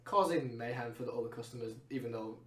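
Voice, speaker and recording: Playful game master in an echoey room. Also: male voice, mid-range voice, quick pace. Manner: laughing, loose and playful. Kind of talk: narrating a comedy tabletop game. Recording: echoey room, far off the mic.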